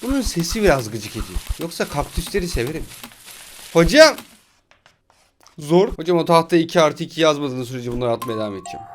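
Young guy yelling and laughing over a mobile game, high voice jumping all over the place, teasing the whole time. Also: sing-song, a little fast, a little hiss or hum. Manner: playful, teasing, laughs often, bursts into shouts. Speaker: gaming YouTuber. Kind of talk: gaming commentary.

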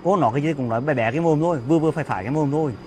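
A man's voice: on the high side, racing, a little mellow. A man playing a husband, defensively urging his wife to go home and talk there. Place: outdoors by a street at night. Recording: faint outdoor noise with crickets.

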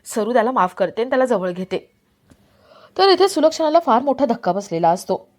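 A woman narrating a television serial episode recap in a steady storytelling manner. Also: a little high, brisk.

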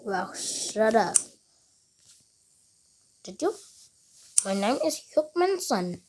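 A woman chatting casually over a game, rambling and repeating herself with halting restarts. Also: a little high, very animated, darkish tone, slightly rough.

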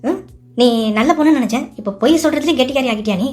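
Cartoon part: shrill, insulting older mother-in-law, high-pitched scolding, a woman voicing her. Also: racing, noisy background, natural voice. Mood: angry scolding. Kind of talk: cartoon voice acting.

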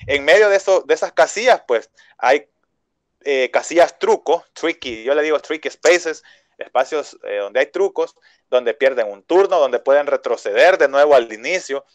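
A man's voice: medium pitch, animated, moderate pace, no echo. A man with a Salvadoran Spanish accent, an English school owner, patiently explaining his teaching method in an interview, with many fillers and restarts.

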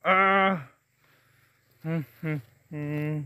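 In an oil palm plantation, a man walks and talks casually to the camera, humming a lot and drawing out repeated words slowly. His pitch sits on the high side, and his steady tone is pushed, bright, and clean.

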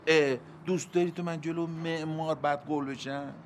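A middle-aged actor playing a pushy, sweet-talking landlord in a TV drama. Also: male voice, a little high, fairly even intonation, natural voice. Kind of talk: TV drama acting. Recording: noisy background.

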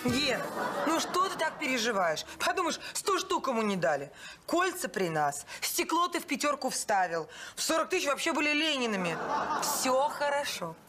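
High-voiced, breezy sitcom wife. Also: female voice, very animated, moderate pace, loud music behind the voice. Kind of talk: sitcom acting. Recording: very noisy TV soundtrack.

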